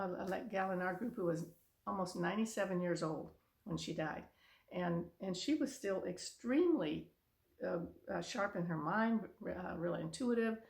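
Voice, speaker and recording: A woman's voice: lowish voice, creaky, reverberant. A woman in her seventies giving casual, earnest encouragement to camera in a rambling, heartfelt way. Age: 70s. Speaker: vlogger. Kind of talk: casual motivational talk to camera.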